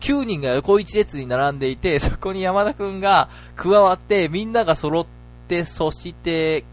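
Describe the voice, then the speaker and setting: A man's voice: high-pitched, normal speed, faint music behind, lightly acted. A man reading out a part as a male schoolteacher who runs a playground game, bossy, then confused. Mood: teacherly.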